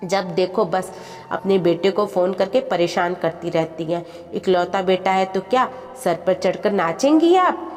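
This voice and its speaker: A woman reading the part of an angry young wife who loudly scolds her mother-in-law in a storybook tale, with music and reverb behind. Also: fairly low pitch, measured pace, natural voice. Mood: scolding. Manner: loud, scolding. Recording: long reverb with background music.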